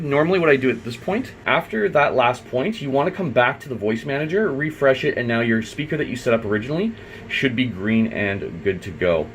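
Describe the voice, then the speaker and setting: Slightly bright and mid-range, the man's voice carries a little background hiss or hum. Working as an IT installer, he gives an off-the-cuff, step-by-step screen walkthrough of some software, thinking out loud along the way.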